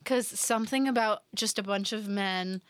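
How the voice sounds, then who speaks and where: A woman's voice: medium pitch, normal speed. A young woman guest in a casual chat, bubbly and giggly as she tells stories.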